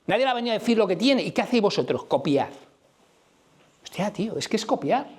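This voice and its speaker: The speaker is a middle-aged Spaniard with a Madrid accent presenting to a live conference audience. His high voice swings widely in pitch at a fast clip, and his blunt, colloquial style is full of questions aimed at the room.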